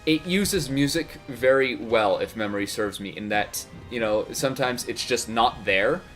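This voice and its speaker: A man's voice: mid-range voice, moderate pace, fairly bright tone, soft background music. A man co-hosting a casual podcast chat, leading the talk with rambling questions. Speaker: co-host.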